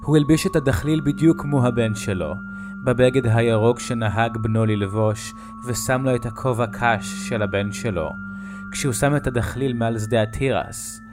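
A man narrating a horror story in a slow, dramatic storytelling manner. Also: medium pitch.

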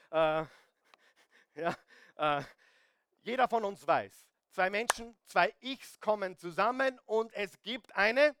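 A man preaching a sermon, animated, asking his listeners direct rhetorical questions and adding humorous asides. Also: sits high, clean tone, no echo, studio quality. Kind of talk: sermon on marriage.

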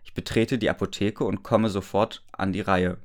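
A man's voice: on the low side, fairly even intonation, moderate pace. A man reading a story aloud for comedy, amused, often laughing and breaking off to mock the text. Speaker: reader and commentator.

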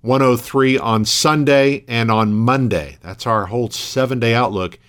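A man hosting a local radio news program, reading scripted items in a measured, matter-of-fact way. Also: medium pitch, smooth.

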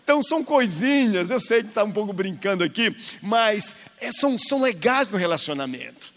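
A man's voice: sits high, sing-song, normal speed, a bit bright. A man in his forties telling family stories with playful acted-out dialogue, co-leading a church marriage talk. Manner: storytelling, acts out dialogue, playful. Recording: echoey hall with long reverb.

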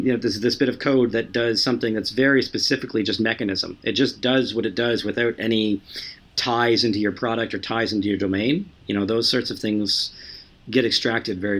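A man talking casually as a podcast guest about his software work, stumbling over many restarts and fillers. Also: lowish voice. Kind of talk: casual conversation.

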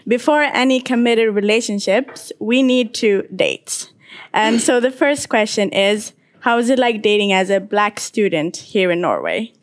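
A woman in her twenties, from Ethiopia, moderating a live panel discussion with relaxed, frequent agreeing murmurs. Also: medium pitch, measured pace. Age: 20s. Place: live event venue.

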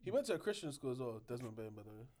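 A man's voice: mid-range voice, big pitch swings, rapid-fire, darkish tone. A man chatting casually about sport as a podcast co-host, slangy and emphatic, restating his points.

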